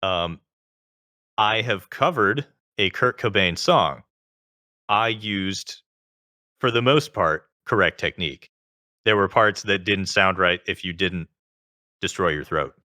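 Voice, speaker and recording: A man's voice: deep voice, slow, pauses often, sharp tone, no room sound, studio quality. A male guest in a casual interview, talkative and explaining things at length with plenty of filler words.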